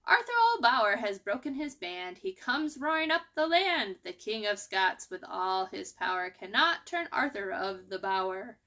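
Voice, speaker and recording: A woman's voice: mid-range voice, lively intonation, normal speed, few pauses, pushed and bright. A woman voicing a cheeky, rude young male squirrel from a storybook, chanting riddles in a taunting singsong. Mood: impertinent, excited.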